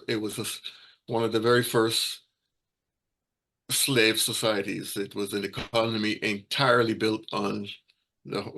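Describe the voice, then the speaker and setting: Halting low-voiced man from Barbados. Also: gravelly, pushed and bright, low-quality recording. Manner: halting, many fillers and restarts. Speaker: guest speaker. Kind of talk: hesitant informal presentation.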